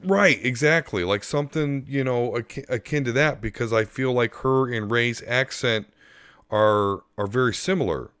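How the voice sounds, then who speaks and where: A man co-hosting a podcast in casual chat, laid-back and thinking aloud with pauses. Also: medium pitch, fairly bright tone, clean tone, dry recording, clean studio sound. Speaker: podcast co-host.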